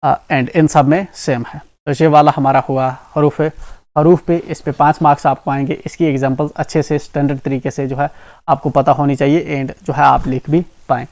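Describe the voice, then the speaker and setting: In a grammar class for exam preparation, a Kashmiri-accented man illustrates every term with examples and keeps asking "ठीक है ना" to make sure students follow. He speaks at normal speed in a fairly high, slightly mellow voice with little pitch movement, and there's no room sound.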